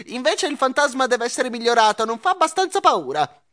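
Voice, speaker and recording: Scheming joker mouse for a kids' audiobook, lively pitch, hushed conspiratorial tone, played by a man. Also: heavily acted. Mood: sly. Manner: conspiratorial, drawn-out. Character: prankster male mouse, sly and scheming. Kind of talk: audiobook character voice.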